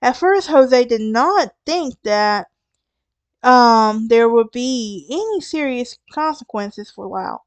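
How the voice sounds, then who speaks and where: Southern woman hosting a true crime podcast: smooth, clear voice, casual storytelling with wry asides. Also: fairly high pitch, lively intonation, takes it slowly, no room sound. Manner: conversational, with asides and restarts. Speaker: podcast host.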